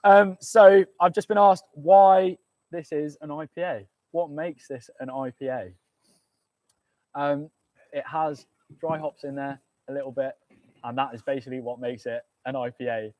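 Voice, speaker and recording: A man's voice: a little high, steady tone, normal speed, a little mellow, no echo. British brewer guy chatting on a live tasting stream, lots of ums, easygoing. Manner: chatty, laughing, with many ums. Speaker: brewer hosting a beer tasting. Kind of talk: casual live-stream chat.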